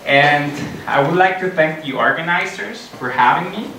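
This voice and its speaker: Speaking in a large conference hall, a middle-aged Costa Rican man delivers an earnest talk peppered with fillers. His slightly high voice is animated, bright and forceful at normal speed, with slight background noise. Captured from far off, the sound echoes through the hall, and music can be heard.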